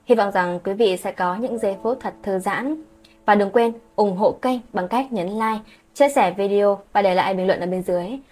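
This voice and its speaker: A woman narrating a scripted late-night story calmly and evenly as the channel's host. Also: medium pitch, moderate pace, husky.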